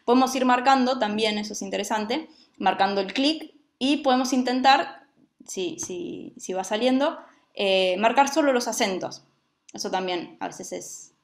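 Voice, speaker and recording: A woman's voice: medium pitch, normal speed. A woman teaching a music lesson, who explains patiently and often checks that her students follow.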